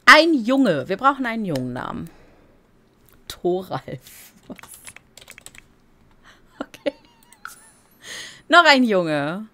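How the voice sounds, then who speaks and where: Lively, giggly woman narrating gameplay. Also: medium pitch, extremely slow, pauses often. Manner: chatty, giggly, playfully silly. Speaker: let's play streamer. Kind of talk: casual gameplay commentary.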